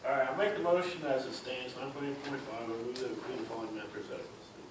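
A man at a school board meeting making formal motions in a brisk, procedural way, recorded from a far camera. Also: mid-range voice. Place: large meeting room. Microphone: far room camera. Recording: echoey room from far off, noisy.

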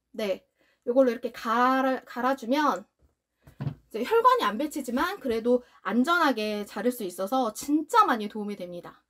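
A young woman talks through a dog nail grinder demo in a high voice. Her pitch swings widely and turns sing-song when she praises her dog. The talk is casual and friendly. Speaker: dog owner demonstrating pet grooming product. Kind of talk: casual product demonstration.

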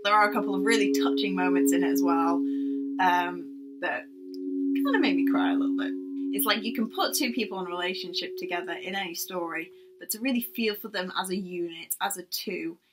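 A young woman speaking calmly and thoughtfully to camera from her bedroom. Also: fairly low pitch, fairly quick, poor audio. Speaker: gamer interviewee. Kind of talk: personal testimony to camera.

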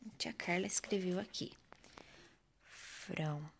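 A woman's voice: a little high, very animated, takes it slowly, a bit bright, slight background noise. A woman, a primary school teacher with a Brazilian Portuguese accent, giving a remote lesson to children in a patient, sing-song teaching voice.

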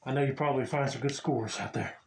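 A man's voice: medium pitch, quick pace, vocal fry, a little mellow. A young man hosting a casual mask review vlog, talking in a rambling, folksy way through a face mask. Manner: rambling, folksy, chuckling between remarks. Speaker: host of a mask review channel.

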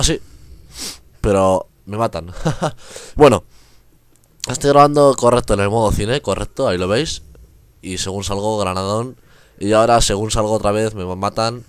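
A young man talks his viewers through a shooter match in a relaxed, rambling way. His voice sits a little low and sounds clean and smooth. The recording is close and dry. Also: no room sound. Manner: chatty, rambling, laughs often. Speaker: gaming youtuber. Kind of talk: casual gameplay commentary.

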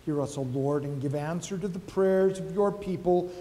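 A male pastor slowly and solemnly reciting liturgical prayers, heard with a long cathedral echo in a large church. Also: on the high side, dark tone. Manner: slow, measured, solemn recitation. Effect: cathedral echo, long church reverb. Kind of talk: liturgical prayer and communion rite. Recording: echoey church hall with faint music.

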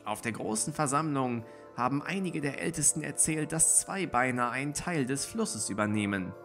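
A man's voice: mid-range voice, expressive, normal speed, music in the background, close to an everyday voice. A man voicing an elderly she-cat, once a beauty, with a voice brittle from age, in a storybook reading.

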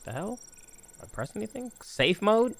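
Animated, slangy young male game streamer. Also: sits high, moderate pace, vocal fry. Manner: slangy, swearing, repeats himself. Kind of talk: casual live game commentary. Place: indoors at a streaming setup. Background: game music.

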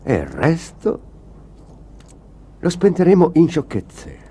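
Un maestro di musica straniero, subdolo e sprezzante, in un doppiaggio cinematografico d'epoca. Parla lento e strascicato, e la voce sale e scende in modo teatrale. Il tono è un po' più alto della media. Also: male voice, fairly high pitch, huge pitch swings, slow pace, vocal fry, warm tone, slightly rough, heavily acted. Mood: scheming. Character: sly, mocking middle-aged male music maestro, foreign. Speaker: dubbing actor. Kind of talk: 1930s film drama dub.

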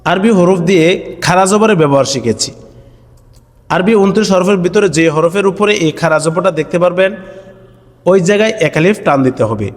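A man teaching Arabic letter sounds to viewers, drawing out each syllable in a half-sung recitation and explaining briskly between drills. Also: fairly high pitch, long reverb tail. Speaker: Quran reading teacher.

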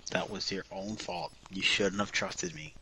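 A man's voice: sits low, lively intonation, unhurried, vocal fry, bright, forceful tone, breathy edge. Young guy swearing at his teammate. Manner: swearing, sarcastic, bickering. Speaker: co-player. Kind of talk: casual gameplay chat with a friend. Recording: game music behind the voice.

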